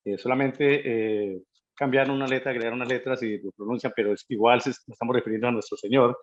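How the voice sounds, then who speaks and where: A man's voice: medium pitch, level tone, quick pace. Hesitant man asking questions, dull lo-fi line. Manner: hesitant, many fillers and restarts. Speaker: caller asking the pastor questions.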